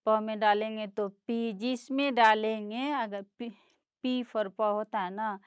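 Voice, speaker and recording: A woman's voice: medium pitch, smooth, no room sound, studio quality. A woman teaching a primary class, patiently spelling out letters and sounds one at a time and mixing English words into her lesson. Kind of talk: slow classroom lesson explaining a chart.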